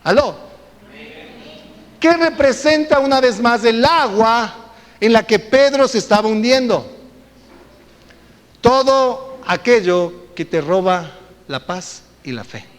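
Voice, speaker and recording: A man's voice: very high voice, takes it slowly, pauses often. A male pastor preaching a sermon, telling stories and drawing the congregation in. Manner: lively storytelling with congregation interaction. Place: church. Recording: echoey church hall.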